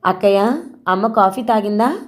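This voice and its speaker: A woman's voice: mid-range voice, moderate pace, close to an everyday voice. A woman voicing a grieving, defiant young daughter in a storybook reading, indignant and insistent.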